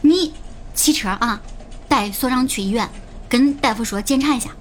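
A woman voicing an excitable, quick-tempered colleague in a fan audio drama. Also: a little high, a little hiss or hum, close to an everyday voice. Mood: exasperated.

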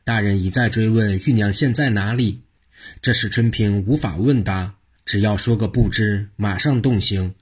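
Male storyteller, low and husky, rhythmic phrased narration. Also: normal speed. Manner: lively rhythmic telling in short phrases.

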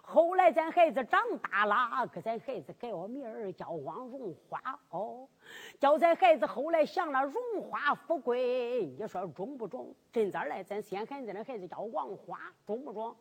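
A woman voicing a fussy old peasant wife in a drum-ballad story, speaking low and coaxing. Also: animated, normal speed, breathy edge, in a large hall.

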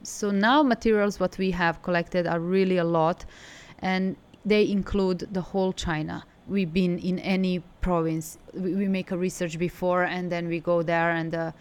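A woman's voice: fairly low pitch, steady tone, normal speed, darkish tone, clear, resonant tone. A woman from Serbia with a Serbian accent, answering conversationally as an interview guest. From Serbia, from Belgrade. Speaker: interview guest, design studio co-founder.

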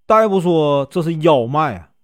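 Lively male storyteller, Northeastern accent. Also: fairly high pitch, no room sound. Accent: Northeastern Mandarin. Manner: drawn-out filler particles, lively storytelling. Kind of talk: storytelling narration.

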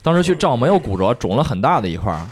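Fast-talking young man telling stories. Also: medium pitch, husky. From China. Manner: soft-spoken, relaxed storytelling with frequent restarts. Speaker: guest, police officer. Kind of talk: casual podcast chat.

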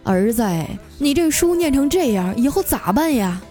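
A woman's voice: sits high, very animated, moderate pace, soft background music, pitched above the performer's own voice. A woman voicing an exasperated older brother who scolds his son. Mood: scolding. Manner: scolding, shouting.

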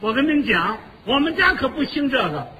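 A man voicing a middle-aged official's wife who smooths things over politely and fussily. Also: extremely high pitch, big pitch swings, a little fast, pushed and bright, in a large hall, far from the mic, slight background noise, voice pushed up, heavily acted. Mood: placating.

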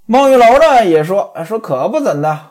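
A man retells a classic novel and comments on it in a chatty way. He keeps speaking straight to his listeners. His voice sits slightly high and swings widely up and down. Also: very animated, brisk, darkish tone. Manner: chatty, addresses listeners directly. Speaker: storyteller and commentator.

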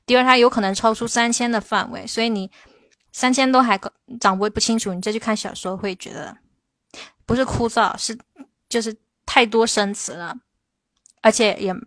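Female English teacher, livestream Q&A, mid pitch, dry close sound, slows for stressed examples. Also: fairly even intonation, a bit bright, no room sound. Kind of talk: livestream Q&A lesson.

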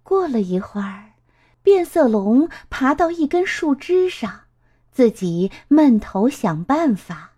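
A woman reading a children's storybook aloud. Her voice is high and sing-song, with lots of rise and fall. She takes it slowly and gives every line plenty of expression. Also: sing-song, warm tone.

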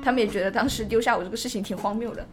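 A woman in her twenties in casual chat, telling a family story in an animated way and acting out what was said. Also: mid-range voice, racing. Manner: animated storyteller who acts out quoted lines. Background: music playing underneath.

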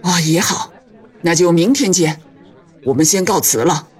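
A woman lowering her voice into a polite businessman. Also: moderate pace, darkish tone, husky, some chatter behind. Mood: courteous. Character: polite male businessman friend, courteous.

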